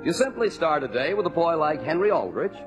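A man's voice: on the high side, big pitch swings, a little fast, over music, rough recording. A man narrating an old-time radio comedy in a scripted style.

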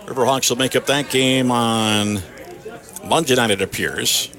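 A man working as a radio baseball announcer, giving play-by-play from an outdoor ballpark in short, clipped phrases with pauses between calls. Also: mid-range voice, fairly bright tone.

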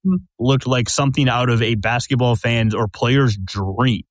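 A man hosts a basketball podcast in a steady, explaining way, setting up scenarios for his co-host. His voice is mid-pitched and the sound is dry and close. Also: measured pace, dry recording. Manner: steady, lays out questions and scenarios. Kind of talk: casual sports chat.

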